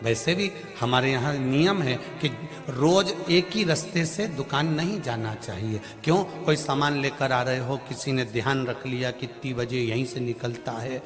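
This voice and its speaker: A man preaching a devotional sermon, telling folksy stories in an animated way and acting out the voices in them. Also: mid-range voice, moderate pace, hardly any pauses. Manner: animated, acts out voices in anecdotes, rises to shouts. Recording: long hall reverb, faint music.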